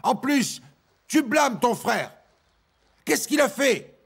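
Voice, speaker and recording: A worried middle-aged father who pleads and insists, his husky, gravelly voice swinging high and low. Soft music sits behind this dubbed TV drama dialogue. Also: big pitch swings, slow pace, exaggerated voice. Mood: pleading. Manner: pleading, insistent, repeating commands.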